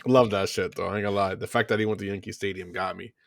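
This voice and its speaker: A young man with a New York accent, co-hosting a casual podcast chat. He talks in an animated way, swears freely and laughs often. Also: lowish voice, quick pace, gravelly, no room sound, studio quality. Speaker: podcast co-host.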